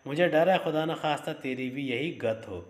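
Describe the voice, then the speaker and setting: A man's voice: on the high side, moderate pace, lightly acted. Brief: fretful old mother, anxious and tender, scolding her son in an echoey room; a man reads her part. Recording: roomy echo.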